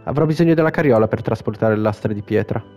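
A man's voice: on the low side, fast talker, a little mellow, muffled recording, soft background music, lightly acted. A man reading the lines of a blunt, protective young woman from a video game, in his own plain voice.

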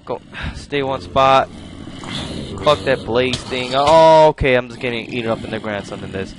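A young man cursing and complaining through his own live gameplay commentary, swinging from mutters to yells. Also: mid-range voice, moderate pace, noisy background. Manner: cursing, frustrated, swings between muttering and yelling. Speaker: gamer.

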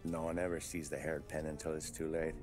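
An actor playing a tough-talking 1930s police detective who needles a witness in street slang. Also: male voice, rumbling low, flat delivery, brisk, over music. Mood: wry, needling. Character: gruff 1930s male police detective interrogating. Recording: game audio with loud score.

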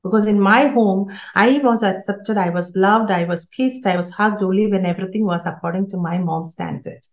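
Over a video call with roomy, slightly muffled-sounding online audio, a parenting speaker talks at a moderate pace in a mid-range voice. She is earnest and keeps repeating key words for emphasis.

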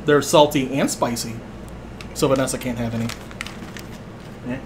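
A man's voice: medium pitch, steady tone, moderate pace. A young man from England co-hosting a casual snack-tasting chat, laid-back, reading labels aloud and chuckling often. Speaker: co-host. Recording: noisy home stream recording.

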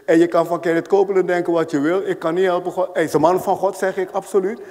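High-voiced preacher in a reverberant hall. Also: male voice, fast. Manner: animated storytelling, acting out voices. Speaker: pastor. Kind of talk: sermon.

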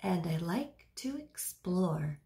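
A woman in her thirties, working as a teacher, reads a picture book aloud to young children, explaining things simply and asking them questions. Her voice is lowish and mellow, very animated, and slow.

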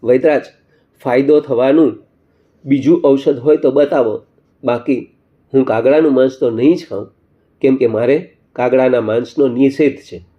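Man voicing a firm, steadfast reformed bandit in a storybook, mid-pitched, slightly muffled. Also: normal speed, pauses often, close to an everyday voice. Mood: resolute. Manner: firm, resolute.

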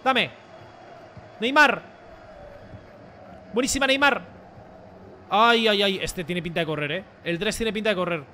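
Un hombre con acento de España comenta su partida con voz alta y penetrante, entre gritos y repeticiones. Hay un ligero ruido de fondo. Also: male voice, sits high, unhurried, pauses often, slight background noise. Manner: shouts and repeats words in bursts. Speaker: gaming streamer. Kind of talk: excited gameplay commentary.

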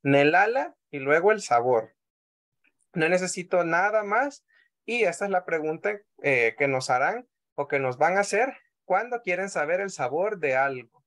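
This is a Salvadoran man giving an online language lesson on a video call. His voice sits a little on the high side. He is patient, says each word more than once, and keeps checking that his students follow. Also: animated, fairly bright tone. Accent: Salvadoran Spanish. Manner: patient, repeats words slowly, often asks "¿verdad?". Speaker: Nahuat language teacher.

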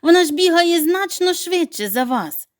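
A woman's voice: very high voice, animated, moderate pace, voice pushed up. A woman voicing a brave, loyal young male dog who speaks urgently and eagerly.

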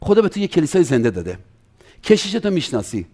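A man preaching a sermon as pastor, swinging between loud emphatic runs and quiet asides. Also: sing-song. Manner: preaching with sweeping pitch and loudness swings, acting out quoted doubters.

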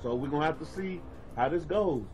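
A man giving excited live fighting game commentary in a slangy, exclaiming manner. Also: on the high side, a little fast. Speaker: esports tournament commentator. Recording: loud game music behind voice. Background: loud game music.

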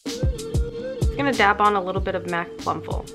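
Over loud music, a young woman with a cold talks through her makeup routine in her living room, sounding slightly congested and nasal. Her high-ish voice swoops wildly in pitch at a moderate pace as this beauty vlogger chats casually about each step.

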